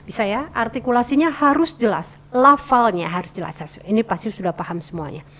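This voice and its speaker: Woman teaching news reading, higher voice. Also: fairly quick, fairly bright tone. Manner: demonstrates intonation by reading passages aloud and repeating key words. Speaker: radio broadcasting instructor. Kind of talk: tutorial on reading news and narration aloud. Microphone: close desk microphone she adjusts.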